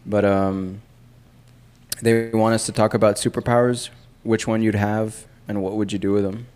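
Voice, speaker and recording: A man's voice: fairly low pitch, level tone, moderate pace, a little mellow, slight background noise. A man co-hosting a podcast, joking crudely and laughing often in casual banter. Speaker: podcast co-host.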